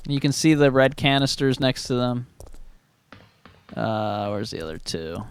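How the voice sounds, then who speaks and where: A man's voice: medium pitch, smooth. A man live streaming a video game, giving playful, chatty, casual commentary.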